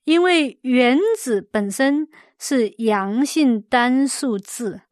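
A woman teaching a Bible word study, explaining slowly and carefully, repeating key words and adding gentle fillers as she goes. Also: sits high, no echo, clean studio sound. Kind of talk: scripted word-study lesson.

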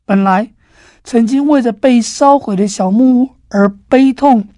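A woman giving a devotional sermon, telling a story in a gentle, earnest way. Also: fairly high pitch, a little slow, no room sound, studio quality. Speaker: preacher.

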